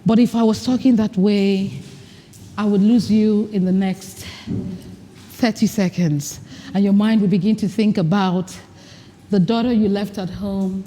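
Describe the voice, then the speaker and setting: Speaking at a women's leadership retreat, a woman addresses her audience directly, coaching them through exercises and performing mock dialogue. Her voice is medium-pitched with a dark tone. The large event hall with an audience gives a long reverb tail on the unamplified recording mic.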